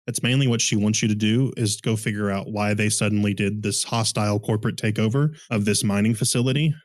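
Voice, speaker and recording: A man's voice: fairly low pitch, fairly even intonation, fast, no echo, clean studio sound. A man running a tabletop game as game master, describing scenes in a rambling way with many fillers while he is starting to lose his voice from a sore throat.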